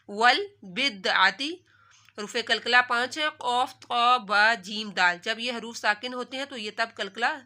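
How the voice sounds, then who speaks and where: A woman teaching tajweed in Urdu. She recites each word slowly and drawn out, then quickly explains the pronunciation rule. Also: on the high side, bright, forceful tone. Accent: Pakistani Urdu.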